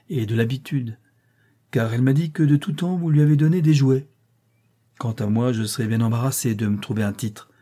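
A man's voice: medium pitch, dark tone, slightly rough, close to an everyday voice. A man reading the part of a polite, reserved young governess in an audiobook. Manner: polite and composed.

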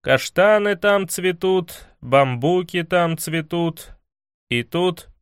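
A man voicing a cheerful young fool hero in a fairy tale who gives brisk, bossy orders. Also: sits high, animated, clean tone, dry recording, studio quality. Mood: dreamy.

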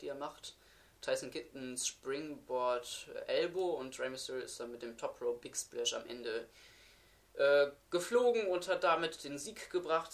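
A man co-hosting a laid-back podcast and talking through a match review. His voice stays quiet, and he rushes his words when he means to speak up. He sounds like a relaxed, ordinary conversational speaker. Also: medium pitch. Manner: speeds up instead of getting louder; soft-spoken, talks quietly. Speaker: podcast co-host. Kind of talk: casual wrestling review chat.

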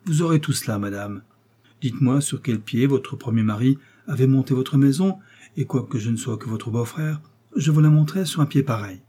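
A man voicing a cold, mocking English lord who speaks with sardonic, quietly menacing calm; his voice is husky. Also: mid-range voice, moderate pace.

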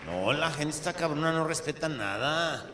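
A man's voice: fairly high pitch, expressive, moderate pace, echoey room, a crowd in the background, noisy background. A man with a Mexican Spanish accent, telling raunchy stand-up jokes in a crude, profane, playful way.

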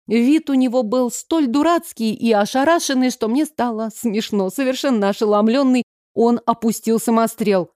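A woman's voice: medium pitch, darkish tone, no room sound. Woman reading first-person fiction, dry close sound. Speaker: audiobook reader.

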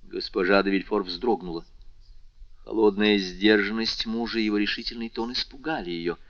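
Male audiobook narrator, low pitch, bright tense tone, dull dry recording. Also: moderate pace, no room sound. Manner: expressive literary reading. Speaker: audiobook reader. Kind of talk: scripted narration.

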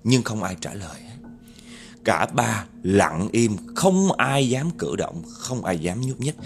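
A man's voice: on the low side, lively intonation, takes it slowly, soft background music. A man telling a spooky story dramatically and speaking directly to his listeners. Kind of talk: spoken horror storytelling.

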